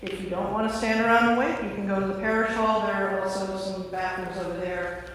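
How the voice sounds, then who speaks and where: In a large indoor church, a woman priest hosts a gathering, giving an informal welcome before moving into scripted narration for a staged reading. Her medium-pitched voice is steady, a little fast and a bit bright. The sound is echoey and distant, with faint noise.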